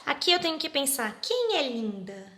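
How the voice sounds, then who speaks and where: A woman's voice: high-pitched, sing-song, fairly bright tone, echoey room. A woman English teacher from Brazil, giving a patient step-by-step grammar lesson and often checking in with her students. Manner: slow, patient, explains step by step with frequent check-ins.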